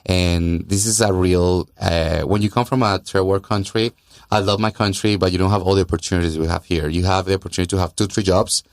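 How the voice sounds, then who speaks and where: His voice sits low and steady as this Colombian fitness trainer and gym owner talks fairly quickly as a podcast interview guest. Native in Spanish with a Colombian accent, from South America, he explains things earnestly in a conversational way and frequently repeats words for emphasis. There's no room sound.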